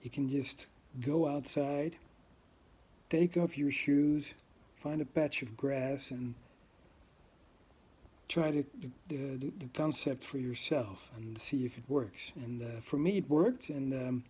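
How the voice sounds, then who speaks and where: A Dutch man from the Netherlands, accent noticeable, speaks off the cuff to camera for his first vlog, hesitant and peppering his speech with ums and uhs while hunting for words. His medium-pitched voice is mellow and husky, and he talks at a slow pace.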